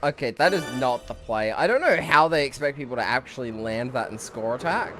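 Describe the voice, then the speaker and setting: A man's voice: mid-range voice, animated, fairly quick, pushed and bright, soft background music. A young man giving casual live commentary on his gameplay, rambling and swearing, a bit out of breath. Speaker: streamer.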